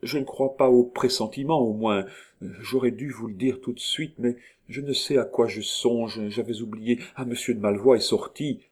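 A man's voice: medium pitch, fairly even intonation, normal speed, a little mellow, breathy edge, voice pushed up, lightly acted. A man reading aloud and voicing a sly young woman who poses as a princess and feigns innocence. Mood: animated.

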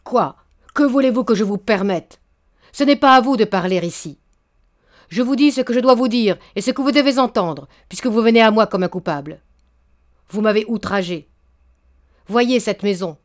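A woman's voice: medium pitch, brisk, darkish tone, lightly acted. Storybook old baron, proud and stern, scolding; woman reader performs him. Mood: indignant. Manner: indignant, stammering then thundering.

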